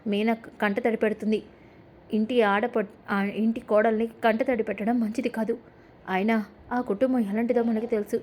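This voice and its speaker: A calm elderly father who tries to settle a family quarrel with measured pleading, as a woman narrator puts him on. Her voice stays mellow and slightly high. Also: lightly acted.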